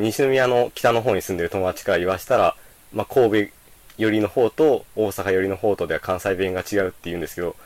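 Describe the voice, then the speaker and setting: A young man from Tottori answers interview questions casually, talking quickly and thoughtfully, with hesitant fillers. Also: sits low, no room sound.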